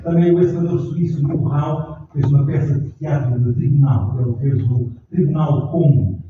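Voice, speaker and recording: A man in his forties with a European Portuguese accent, an actor giving a measured, declamatory stage address to an audience. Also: mid-range voice. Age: 40s. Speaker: actor and narrator. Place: theatre stage. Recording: echoey theatre hall from far off, dull, noisy.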